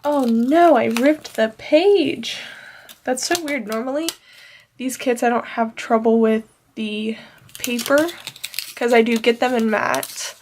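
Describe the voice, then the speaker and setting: Slow and a little mellow, this young woman's steady, high-side voice is stuffed-up and nasal because of allergies, with slight background noise. As a planner vlogger she chats casually and rambles with fillers while planning.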